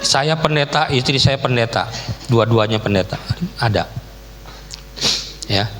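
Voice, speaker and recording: A man's voice: mid-range voice, a little slow, a bit bright. Middle-aged man, guest pastor, chatty joking sermon, long church reverb, faint hum behind. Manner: casual, joking, Jakarta slang. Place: church hall.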